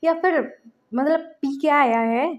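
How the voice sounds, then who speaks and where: A woman's voice: sits high, unhurried, dull audio, pitched above the performer's own voice. A woman voicing a hot-tempered young man who scolds and threatens to protect his younger brother. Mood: angry, protective.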